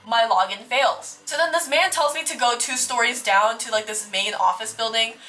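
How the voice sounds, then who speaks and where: A young woman spins a casual storytime in her vlog, dramatic and full of slang. Her voice sits fairly high and sounds bright. Faint music plays underneath. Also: normal speed. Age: young adult. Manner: dramatic, exaggerated, slangy and swearing. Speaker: vlogger.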